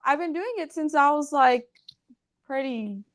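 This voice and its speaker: A woman's voice: high-pitched, measured pace. A woman in her twenties, a salon owner, telling stories in a casual interview in her nail salon with a chatty, filler-heavy manner. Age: 20s. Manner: chatty, filler-heavy with many "like"s, animated retelling.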